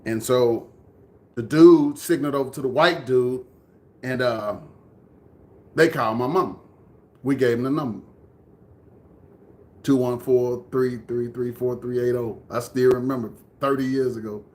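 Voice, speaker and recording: A man's voice: mid-range voice, measured pace, long pauses, darkish tone. A Texan man in his thirties, from Dallas, telling a personal story earnestly to a live chat, often repeating phrases for emphasis. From Dallas, Texas. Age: 30s. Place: indoors, room with air conditioning.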